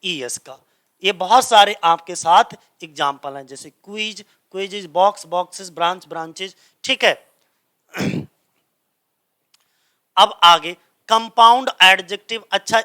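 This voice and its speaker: A high-pitched male teacher, explaining grammar rules to a class. His voice is bright and clear, and he keeps putting a question to the room and answering it himself. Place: coaching centre classroom.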